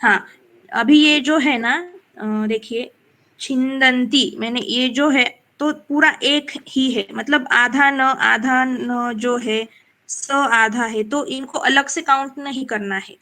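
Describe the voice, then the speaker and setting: A woman teaching Sanskrit verse recitation in a live class, explaining patiently, checking that students follow, and chanting lines slowly as examples. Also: high-pitched, fairly even intonation, bright, forceful tone.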